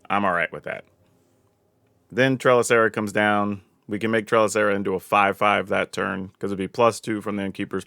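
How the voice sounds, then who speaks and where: A man from the American South commenting casually on his own card game, thinking aloud and getting excited over big plays. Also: fairly low pitch, no echo. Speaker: gameplay commentator.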